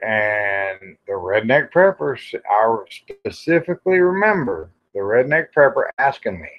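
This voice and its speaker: This man in his 50s runs a casual, rambling live chat, his medium-pitched voice lively in intonation and measured in pace. He browses while muttering to himself in a folksy way, and the audio sounds dull and lo-fi.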